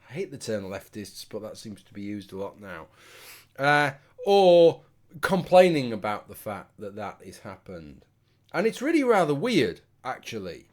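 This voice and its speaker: A man's voice: fairly low pitch, sing-song, unhurried. A British man giving a casual, rambling opinion monologue to his viewers in a tipsy, sweary manner. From United Kingdom. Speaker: video commentator.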